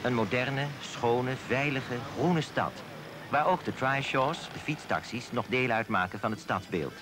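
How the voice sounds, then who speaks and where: A man giving formal, measured scripted voice-over narration for a documentary. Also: mid-range voice, background noise. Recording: voice-over with loud music behind.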